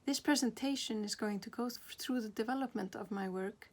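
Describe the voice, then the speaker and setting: A woman's voice: a little high, a little fast. A woman, a glass artist presenting her work in a reflective way, often stopping to search for words. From Iceland. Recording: very roomy, distant mic, noisy background.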